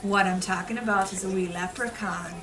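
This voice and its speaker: This elementary school storyteller reads to young kids at a fairly quick clip, her medium-pitched voice holding a steady tone. Simple, repeated phrases and dramatic emphasis carry the story, though the mic is distant and the room noisy.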